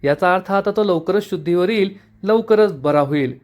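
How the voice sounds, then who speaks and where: A man's voice: sits high, normal speed, lo-fi sound, close to an everyday voice. A man voicing an older mother, eager and hopeful about her son, read out in a serial recap.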